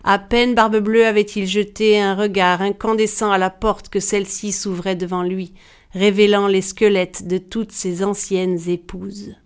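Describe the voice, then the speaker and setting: A woman narrating a dark fairy tale in a measured, dramatic storytelling manner. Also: mid-range voice, little pitch movement, smooth.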